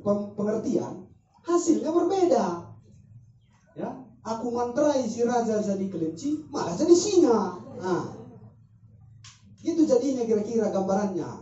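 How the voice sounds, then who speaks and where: A man's voice: high voice, dark tone, slight background noise. A man speaking at a group discussion, explaining his points with spoken examples. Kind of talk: casual discussion talk. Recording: muffled distant mic in echoey room.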